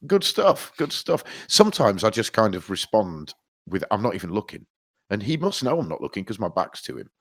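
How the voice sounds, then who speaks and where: A man in his thirties, co-hosting a podcast in casual chat, telling sweary, animated stories. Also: fairly low pitch, moderate pace, slightly rough. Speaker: podcast co-host.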